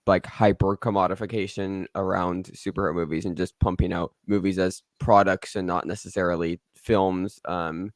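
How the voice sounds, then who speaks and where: A man's voice: low voice, flat delivery, normal speed, few pauses, no room sound, studio quality. A man co-hosting a casual film news podcast, rambling and sarcastic, often restarting his sentences. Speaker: podcast co-host.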